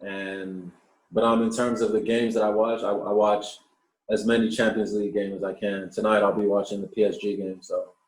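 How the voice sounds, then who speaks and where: A man's voice: on the low side, moderate pace, echoey room, low-quality recording. A man in his twenties, a professional basketball player who grew up in Australia, answering interview questions casually and often repeating words as he starts a thought. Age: 20s. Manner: relaxed, repeats words when starting sentences.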